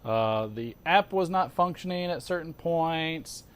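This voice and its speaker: A man hosting a casual show, chatting as an animated storyteller with sarcastic asides, emphatic repetition and rhetorical questions. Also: on the high side, measured pace, clear, resonant tone. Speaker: host of a pipe-smoking show. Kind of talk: casual chat.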